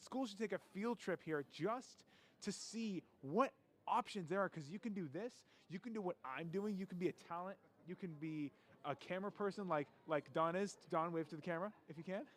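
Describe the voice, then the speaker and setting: A man hosts a live show from a school showcase, talking eagerly and tripping over repeated words. His voice sits notably high for a man. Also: a little fast, fairly bright tone. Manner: enthusiastic, repetitive, with stumbles. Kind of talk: live event reporting.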